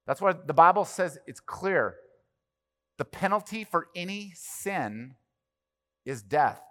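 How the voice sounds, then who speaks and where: A man's voice: high voice, very animated, slow pace, fairly bright tone. A pastor preaching a sermon to his congregation, talking in a conversational way and often checking in with his listeners. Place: church sanctuary. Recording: long reverb of a large hall.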